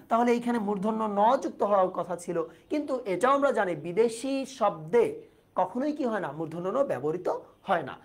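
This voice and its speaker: Woman teaching a live online class. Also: mid-range voice. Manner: explains patiently, asks questions, reads out student comments. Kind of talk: online exam-prep class.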